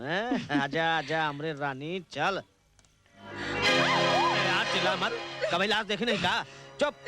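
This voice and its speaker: A crude politician. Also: male voice, high-pitched. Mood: boastful. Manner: boastful, bossy, rustic speech. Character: crude lecherous middle-aged male politician. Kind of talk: Hindi film dialogue.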